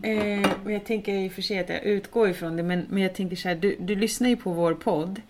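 Female co-host, reactive and expressive, asks follow-up questions. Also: mid-range voice. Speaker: podcast host. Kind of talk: casual chat.

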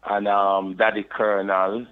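Man, Jamaican patois accent, low voice, tinny phone line, relaxed storytelling. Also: unhurried. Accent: Jamaican patois, London. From United Kingdom. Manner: relaxed patois storytelling, frequent "you know". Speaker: podcast guest, reggae deejay. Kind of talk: casual interview storytelling.

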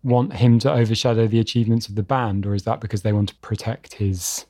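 A man's voice: on the low side, fairly even intonation, quick pace, dark tone, no echo. A man co-hosting a culture podcast in casual chat, hesitant, with restarts and dry asides. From England. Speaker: podcast co-host.

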